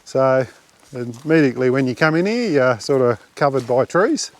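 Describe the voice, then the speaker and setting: An Australian man vlogging outdoors on a bush track, chatting in a relaxed, rambling way with lots of fillers into a handheld camera mic. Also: medium pitch, normal speed. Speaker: camping vlogger. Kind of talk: casual walking commentary.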